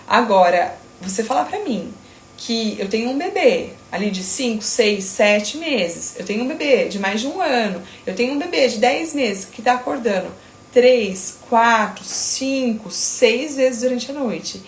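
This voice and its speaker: Sleep-consultant woman, thirties, firm and emphatic, slightly gravelly, roomy sound. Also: fairly high pitch, lively intonation, a little hiss or hum. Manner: firm, emphatic, talks in quick asides. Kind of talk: casual talk to camera.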